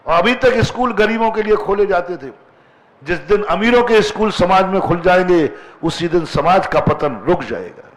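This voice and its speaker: A man's voice: high-pitched, lively intonation, moderate pace, poor audio. A man, a monk preacher, delivering a sermon with emphatic rhetorical questions to an assembly. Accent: Hindi. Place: assembly hall with seated women.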